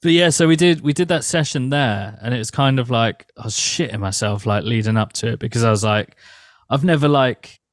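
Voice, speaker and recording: A young man who sings in a metal band chats casually as an interview guest, speaking briskly in a mid-range voice. He rambles, laughs easily, and fills his speech with "like", all captured in clean studio sound with no echo.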